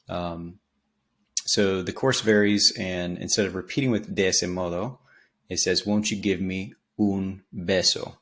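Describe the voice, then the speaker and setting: A man explaining song lyrics in a casual spoken language lesson, relaxed and rambling with many ums and restarts. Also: fairly low pitch, vocal fry. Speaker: language teacher.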